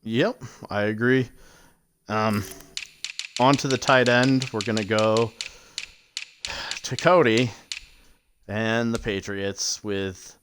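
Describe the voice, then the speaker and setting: A man co-hosting a casual live stream about a sports simulation league, relaxed and full of fillers. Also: lowish voice, takes it slowly, pauses often, slight background noise. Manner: relaxed, filler-heavy, laughs easily. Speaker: league show co-host.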